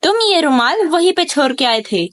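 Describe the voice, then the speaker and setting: A woman voicing a sharp-tongued, bossy young village woman with a scolding manner in an amateur animated comedy. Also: high voice, moderate pace. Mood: irritated, scornful. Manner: scolding, sassy.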